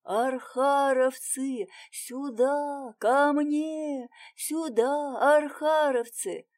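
A woman voicing an excitable young male soldier with bold, eager delivery in a storybook reading. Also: a little high, unhurried. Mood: excited.

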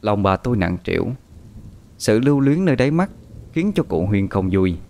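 A man narrating a story in a calm, measured scripted reading. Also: on the low side.

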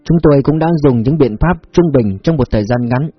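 A man reading a story, voicing a formal lieutenant colonel giving a report; husky voice. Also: medium pitch, a little fast, no echo, highs cut off, faint music behind, close to an everyday voice.

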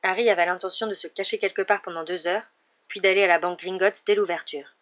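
A woman with a lowish voice narrating a storybook, calm and even. The recording is dull and lo-fi. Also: quick pace. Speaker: audiobook narrator. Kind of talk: scripted narration.

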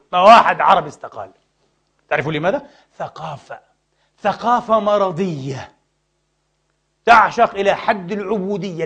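A man preaching a sermon lesson, addressing the brothers with rhetorical questions and swinging between loud outbursts and quiet asides. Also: sits high, slightly rough. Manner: impassioned, rhetorical questions to the audience.

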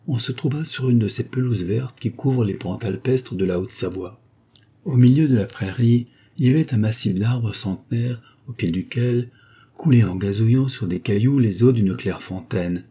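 Male audiobook reader, low, dark, husky, measured. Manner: steady, measured reading. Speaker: audiobook narrator. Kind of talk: scripted narration.

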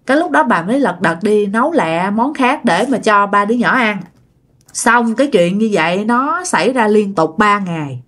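A woman's voice: medium pitch, animated, moderate pace, a bit bright. A woman telling a ghost story in a chatty, casual way, speaking straight to her listeners. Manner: chatty, addresses listeners directly.

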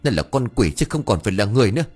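A man's voice: fairly low pitch, very animated, racing, darkish tone, breathy edge. A man voicing a shrewish, jealous older first wife who scolds shrilly and wails theatrically. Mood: accusing. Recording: faint background music.

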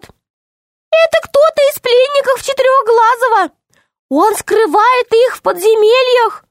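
A woman voicing a small, excitable male gnome who squeaks and exclaims. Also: dry recording, studio quality. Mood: alarmed.

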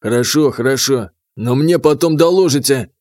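A man voicing a grumpy, hungover prince who talks gruffly and swears. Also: medium pitch, normal speed, darkish tone, dry recording, close to an everyday voice. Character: hungover grumpy middle-aged prince, blustering.

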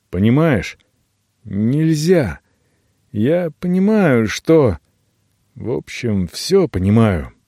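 A man putting on a hot-headed young man who talks roughly and scolds without ceremony. The voice swings widely in pitch. It sits close in a dry, dead room. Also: dark tone, no echo, full character voice. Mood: earnest. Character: hot-tempered young man, blunt and gruff.

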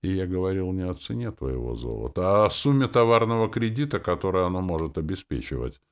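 A man voicing a measured, businesslike male gnome who talks with formal politeness in an audiobook. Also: deep voice, very animated, smooth, pitched above the performer's own voice. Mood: solemn. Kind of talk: audiobook character voice.

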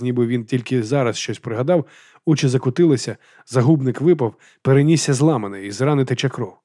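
Brief: male audiobook narrator, mid pitch, steady reading, very dry studio sound. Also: no room sound.

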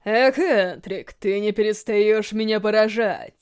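Woman doing a lowered, drawn-out gourmet ghoul guy, refined and creepy, savors every word. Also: expressive, darkish tone, clear, resonant tone, close to an everyday voice. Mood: menacing. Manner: slow, savoring, theatrical delivery.

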